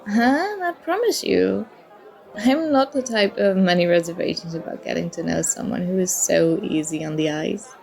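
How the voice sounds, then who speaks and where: The audio quality is poor as a woman with a creaky, lowish voice speaks at normal speed, playing a charming, flirtatious stranger at a party bar. Her one-sided ASMR roleplay is teasing, coy, playful and mock-apologetic, set against soft music and party chatter.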